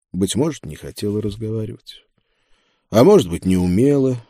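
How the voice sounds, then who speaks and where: A man reads a first-person fantasy story in a measured, grim tone. His voice is low and dark, and the recording is dry with no room sound. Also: no room sound. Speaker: audiobook narrator.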